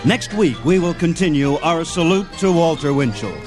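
A man's voice: a little high, expressive, normal speed. An American man hosting a radio program, reading a scripted sign-off in an announcer's style. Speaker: radio show host. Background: loud music.

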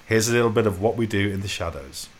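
A man's voice: on the low side, fast, a little hiss or hum. A man in his early thirties hosting a film podcast in casual, bantering talk.

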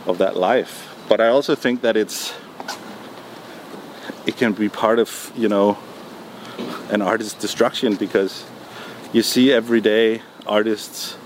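A man answering interview questions in a relaxed, hesitant way, with many ums and restarts. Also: fairly low pitch, a little slow, pauses often. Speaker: music producer guest. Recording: noisy background.

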